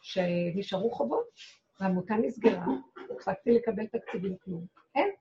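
A woman's voice: mid-range voice, animated, dark tone, lo-fi sound. A woman speaking as a rebbetzin, telling a personal story to an audience in a dramatic way. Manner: dramatic storyteller who acts out her own cries and quotes. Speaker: rebbetzin giving a talk. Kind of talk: personal testimony told to an audience.

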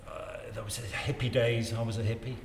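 A man, reminiscing casually in a rambling, halting way and repeating his phrases. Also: mid-range voice, little pitch movement. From Wiltshire, England. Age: 60s. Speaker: interview guest in local politics. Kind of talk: casual life-story reminiscing. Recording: roomy reverberant space, faint background noise.

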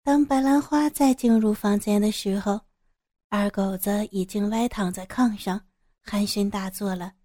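A woman reads a serialized audio story in a calm, steady way. Her voice is mellow and sits in a mid range. The sound is close and dry. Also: medium pitch, unhurried, no echo. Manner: calm, steady, descriptive reading. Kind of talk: scripted audio story narration.

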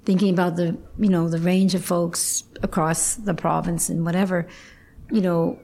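Middle-aged woman, lower-pitched, reflective conversation. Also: little pitch movement, moderate pace, warm tone, a little hiss or hum. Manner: conversational, often ends phrases with "right?".

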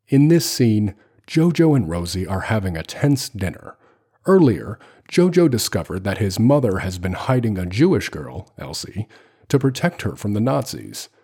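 Husky, low-voiced man reading a script. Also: warm tone. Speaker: host reading a screenplay. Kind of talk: screenplay read-through and commentary.

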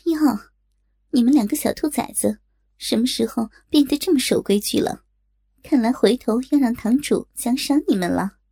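A sly, scheming concubine in her thirties, voiced by a woman reader, her honeyed tone laced with mockery. The voice is gravelly and husky, close and dry. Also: on the high side, moderate pace, warm tone, dry recording. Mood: teasing. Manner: mocking, honeyed, taunting.

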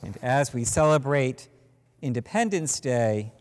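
A man, a priest leading a church service, praying in a slow, measured, solemn intoning voice, heard with a cathedral echo. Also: mid-range voice, expressive. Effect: cathedral echo, long reverb of a large church. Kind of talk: liturgical prayer. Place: large church. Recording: long echoing church reverb.

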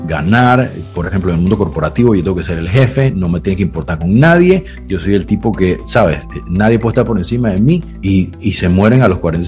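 A man's voice: low-pitched, mellow. A man, a clinical psychologist, explaining ideas in a reflective podcast talk, using examples and acted quotes, often checking in with "you know?". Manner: frequent "¿sabes?" and "¿ves?" tags.

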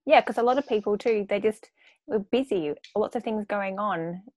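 A woman's voice: medium pitch, normal speed, darkish tone, no room sound. Casual woman interviewer, dry close sound.

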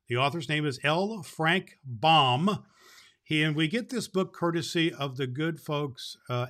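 A man playing Santa Claus as a jolly, hearty old man, hosting and reading to children in a folksy, slightly halting way. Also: fairly high pitch, a bit bright. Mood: friendly, explaining. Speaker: host and story reader. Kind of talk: children's holiday podcast talk and story reading.

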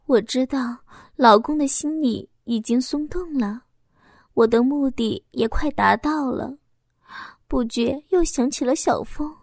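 Woman narrator, intimate first-person reading, bit high, dead dry sound. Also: a little slow, vocal fry, no room sound. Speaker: audiobook narrator.

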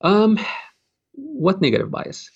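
A man from Jordan, a cardiologist, giving measured advice in an interview with many fillers and restarts. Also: high-pitched, sing-song, breathy edge, muffled recording. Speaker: cardiologist, fellowship program director.

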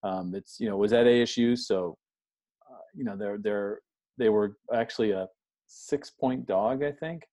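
A man's voice: fairly low pitch, moderate pace, dark tone. A man co-hosting a casual sports podcast, laid-back and trailing off as he recaps a game. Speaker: podcast co-host.

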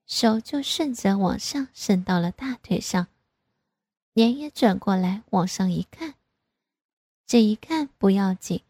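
A woman reading a first-person story aloud in a slow, even way. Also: medium pitch, husky, dry recording. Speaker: narrator.

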